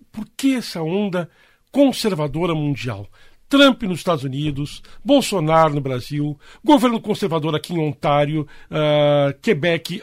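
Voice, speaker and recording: Male host, brisk moderator, high voice. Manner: brisk, steers the talk with questions. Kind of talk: moderating a panel discussion.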